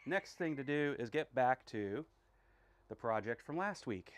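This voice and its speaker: A man's voice: mid-range voice, expressive, measured pace. A man talking casually while he works at a forge, chatty and self-deprecating, thinking aloud with many ums and uhs. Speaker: blacksmith streamer. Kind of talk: casual talk while working. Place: blacksmith workshop.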